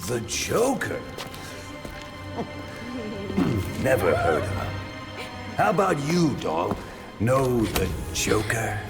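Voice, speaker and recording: A manic clown villain in a video game. He swoops wildly into very high registers and drawls his theatrical taunts with slow relish. The sound is echoey, with loud music behind. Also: wildly swooping pitch, creaky, exaggerated voice. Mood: mocking. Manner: sing-song taunting, swooping from low to shrill. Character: manic, mocking, theatrical clown crime boss. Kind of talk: video game cutscene acting.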